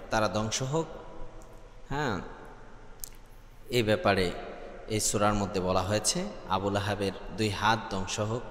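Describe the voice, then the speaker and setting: A man teaching Quran recitation step by step, spelling out letters one by one and breaking into loud, high melodic chanting for the verses. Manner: spells out letter by letter, with drawn-out filler sounds. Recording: echoey room with long reverb.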